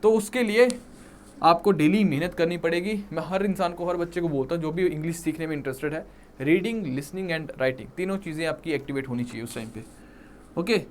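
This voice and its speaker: A man with a Punjabi accent gives an exam-prep lecture on English vocabulary, mixing Hindi and English and checking in with "ठीक है?" and "right?". He repeats words slowly for emphasis in a fairly high voice, with slight background noise.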